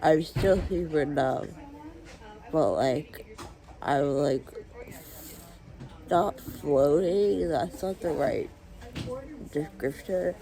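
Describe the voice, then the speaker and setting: A woman's voice: low-pitched, extremely slow, pauses often, warm tone, poor audio. Groggy, slurring young woman after anesthesia. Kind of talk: casual vlog chat.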